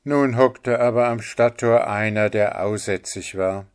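A man narrating a fairy tale in a calm, measured reading style. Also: fairly low pitch, clear, resonant tone. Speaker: storyteller.

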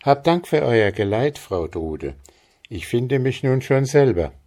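A man's voice: medium pitch, very animated, unhurried, a little mellow, pitched above the performer's own voice. A man voicing a spirited young village girl in a storybook reading. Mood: earnest.

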